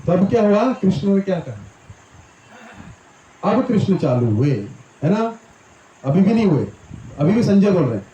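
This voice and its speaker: A man leading a devotional scripture class, chanting Sanskrit verses slowly and then explaining them in conversational Hindi, often checking in with his listeners. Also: high-pitched, big pitch swings, mellow, lo-fi sound. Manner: asks the audience questions, acts out little voices. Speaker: Gita teacher. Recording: roomy echo, faint hiss.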